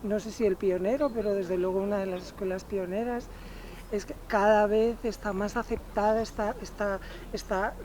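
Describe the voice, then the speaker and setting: Mellow-voiced woman interviewer. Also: medium pitch, steady tone, moderate pace, slight background noise. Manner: searching for words, many restarts. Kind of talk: interview questions.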